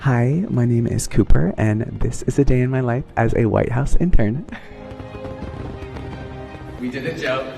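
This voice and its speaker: A man playing a bubbly, flamboyant young male intern in a comedy sketch, loud and gushing. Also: medium pitch, a little slow, creaky, long pauses. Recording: loud music behind.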